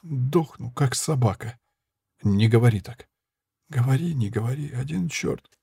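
A man's voice: mid-range voice, expressive, unhurried, vocal fry, dark tone, slightly rough, no echo, full character voice. A man reading the part of a dying young woman crossbow fighter, speaking weakly in a faint, breathless half-whisper. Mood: weak pained. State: gravely wounded, weak.

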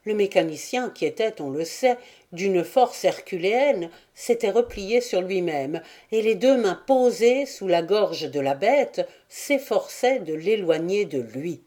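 A woman narrating an adventure novel as an audiobook, reading in a steady, deliberate way. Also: mid-range voice. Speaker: audiobook reader. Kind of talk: scripted narration.

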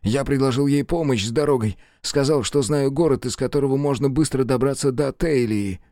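A man voicing a frightened, whining male captive who pleads in a high, strained voice. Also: brisk, mellow, dry recording, clean studio sound, natural voice. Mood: nervous.

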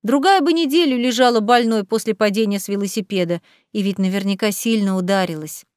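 A woman reading a novel aloud as an audiobook narrator, in a measured storytelling manner. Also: mid-range voice, darkish tone, dry recording, clean studio sound. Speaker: audiobook reader. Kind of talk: scripted narration.

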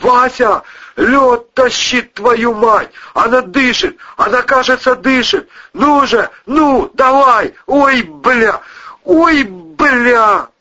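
Hot-headed brawny cousin, yelling and cursing, voiced by a male narrator, husky, lo-fi audiobook. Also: very high voice, slow, voice pushed up, full character voice. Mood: frantic yelling. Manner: bellowing and cursing. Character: burly hot-tempered male cousin, brash and panicky. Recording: muffled lo-fi recording.

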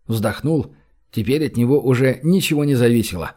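A man narrating an audiobook in a steady, scripted reading. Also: mid-range voice, brisk. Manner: urgent, shouted dialogue in tense scenes.

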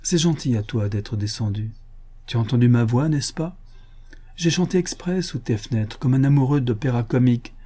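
A man's voice: mid-range voice, normal speed, warm tone, lightly acted. A man playing a tender young fiancé.

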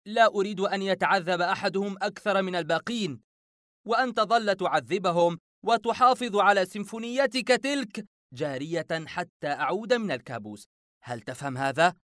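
A furious, impatient young man, put on by a male narrator, voice pushed up high with rising anger. He snaps out curt, tense demands. The sound is dry and close. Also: fairly quick, a bit bright, dry recording. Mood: angry, commanding.

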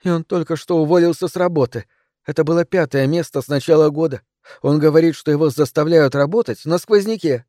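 A timid, worried wife, as a male reader puts her on, speaking softly and anxiously in a hushed voice. The reading is close-miked and dry, as in a storybook recording. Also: a little high, brisk, dry recording, natural voice. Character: timid, worried small middle-aged wife.

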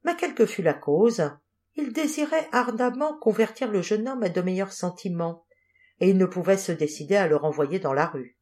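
A woman narrating a classic story in a calm, measured audiobook reading. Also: medium pitch. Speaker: audiobook reader.

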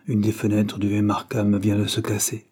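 A man doing a rude schoolboy who answers back sharply and is eager to tell the story himself. The voice is warm and softly husky. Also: lowish voice, completely flat delivery, moderate pace, lightly acted. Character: rude teenage schoolboy, jealous brother.

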